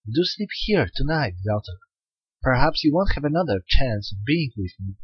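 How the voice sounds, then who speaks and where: A man voicing a scheming old peasant mother who speaks in a soft, coaxing way with a husky voice. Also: medium pitch, big pitch swings, normal speed, no room sound. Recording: dull lo-fi recording.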